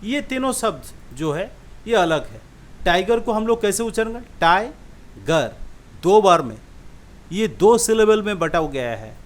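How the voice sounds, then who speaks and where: A man teaching an English lesson, sounding out example words slowly and often asking the listener if it is clear. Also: high-pitched, big pitch swings. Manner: repeats example words slowly, checks understanding with questions. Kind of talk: classroom-style lesson explaining syllables.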